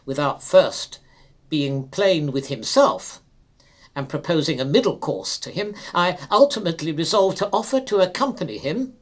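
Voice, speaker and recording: Reading aloud from a classic piece of literature, this fairly high-voiced man keeps a measured, formal pace. His performance is expressive and dramatic throughout.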